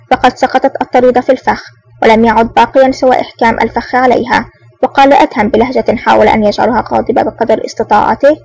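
A woman narrating a spy novel audiobook in a brisk, steady reading. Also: a little high, vocal fry, poor audio.

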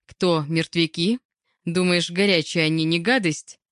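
A woman's voice: fairly low pitch, fairly even intonation, a little slow, dry recording, studio quality, close to an everyday voice. Sneering mirror reflection, unfriendly, taunting, as a woman narrator puts it on. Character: mocking female mirror reflection.

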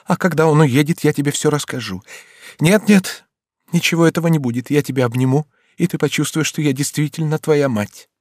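A man's voice: on the high side, a little fast, hardly any pauses, darkish tone, no room sound, studio quality, voice pushed up, close to an everyday voice. A man reading an audiobook, voicing a noble countess and mother who is emotional and rises to cries. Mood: urgent.

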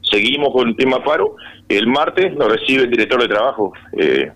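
A man answering questions in a radio interview, halting and repeating words as he talks. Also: mid-range voice, lively intonation, a bit bright, low-quality recording.

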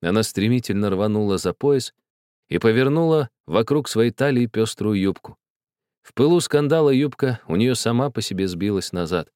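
A man reading a novel aloud in a steady, measured way. His voice sits somewhat low and the recording is dry and close. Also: smooth, no echo. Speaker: audiobook narrator. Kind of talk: scripted narration.

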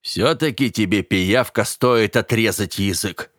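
A man voicing a gruff, grumbling male fight trainer in an audiobook, speaking slowly and loudly with a mocking edge. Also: lowish voice, dry recording, clean studio sound. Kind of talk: audiobook character voice.

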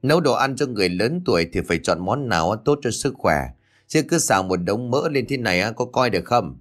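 A man voicing a shrill scolding old mother-in-law. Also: lively intonation, brisk.

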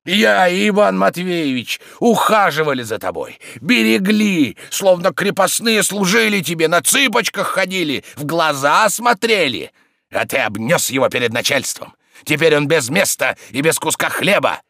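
A man voicing a coarse, bullying middle-aged man who shouts insults and accusations. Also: on the high side, expressive, moderate pace, vocal fry, no echo, clean studio sound, pitched above the performer's own voice, full character voice. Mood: yelling.

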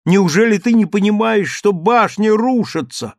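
Frightened young daughter, high, crying out, as a male narrator puts her on. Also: slow pace, no echo, studio quality. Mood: frantic pleading. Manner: cries out pleadingly.

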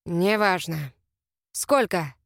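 A woman voicing a menacing, drunken male werewolf alpha with a hoarse, growling voice in an audiobook. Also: on the low side, takes it slowly, fairly bright tone, dry recording, clean studio sound, voice pushed down. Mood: gruff drunken.

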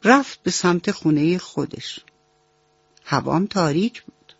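A woman storyteller narrating a children's bedtime story on the radio, gentle and motherly, speaking straight to the children. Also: on the low side, lively intonation, vocal fry, breathy edge, no room sound. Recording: slightly dull radio recording.

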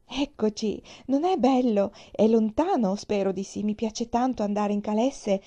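A woman's voice: a little high, unhurried, warm tone, highs cut off. A woman voicing a chatty, cheerful little girl who talks eagerly and without stopping.

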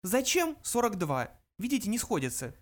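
Frankie, a brisk squeaky mouse voiced by a man. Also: huge pitch swings, full character voice. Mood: businesslike.

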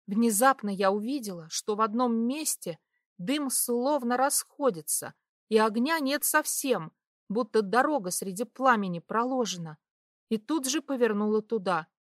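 A young woman reading a first-person fantasy audiobook in a brisk, vivid storytelling manner. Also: fairly high pitch, dry recording, studio quality. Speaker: narrator.

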